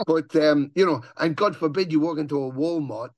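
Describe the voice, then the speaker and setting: A man with a gravelly growl, chatting casually as an interview guest and swearing as he tells stories. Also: fairly high pitch, a little fast, dry recording. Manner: swearing, animated storyteller who acts out voices. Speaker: touring metal musician, guest.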